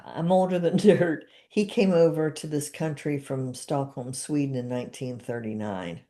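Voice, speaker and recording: This podcast host and therapist is in her seventies, and her voice sits low and mellow at a moderate pace. She talks casually, echoing guided phrases back after her guest.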